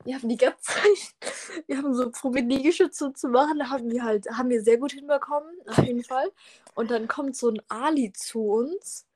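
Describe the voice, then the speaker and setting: Teen girl, fairly high voice, casual storytelling, teasing, plays out dialogue. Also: normal speed. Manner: lively, teasing, acts out others' lines.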